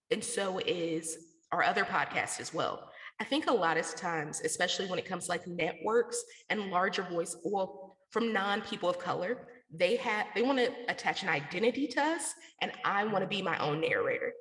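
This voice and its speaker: Her voice is lowish and a bit bright, with lively intonation and normal speed. As an interview guest, this podcaster and radio station founder explains herself casually and openly, full of "like," in a room with long, echoey reverb.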